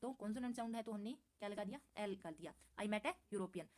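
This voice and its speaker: A woman walks through a grammar lesson from slides. She repeats each point, answers her own questions and reads the English examples slowly and carefully. Her voice sits at an ordinary middle pitch. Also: darkish tone. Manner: patient, repeats points and asks herself questions. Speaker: English teacher.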